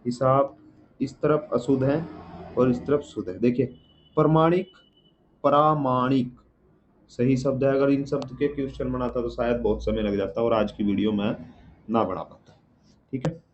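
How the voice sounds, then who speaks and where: A man's voice: medium pitch, fairly even intonation, moderate pace, pauses often. A man teaching a spelling lesson word by word, asking and answering his own questions and often checking with his students. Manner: repeats each word and checks with "ठीक है". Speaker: Hindi exam teacher. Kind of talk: spelling lesson walking through words. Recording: dull lo-fi audio with faint room noise.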